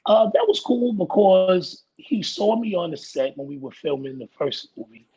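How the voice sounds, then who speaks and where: A middle-aged man with a raspy voice, chatting casually as an interview guest, rambling and laughing as he tells stories. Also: sits high, expressive, normal speed, warm tone, rough recording. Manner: laid-back, rambling storyteller who laughs often. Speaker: guest actor.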